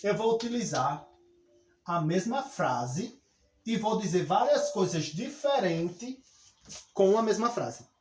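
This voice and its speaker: High-voiced man teaching in an echoey room. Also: expressive, slow pace, a little mellow. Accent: Brazilian Portuguese. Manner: explanatory, addresses students directly with frequent "olha só". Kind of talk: classroom lesson.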